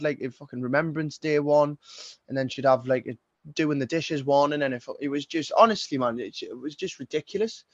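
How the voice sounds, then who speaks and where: A man's voice: fairly high pitch, a bit bright, dry recording, lo-fi sound. A man in his twenties with a Geordie accent, a singer-songwriter talking as a podcast guest in a casual, rambling way, full of swearing and restarts. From Northeast England. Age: 20s.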